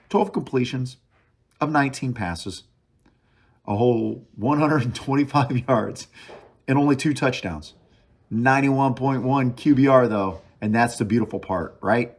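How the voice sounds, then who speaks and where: Hosting a solo sports podcast, this man reviews a game casually like an opinionated fan, his mid-range voice husky. He thinks out loud and drives points home through emphatic repetition of short phrases.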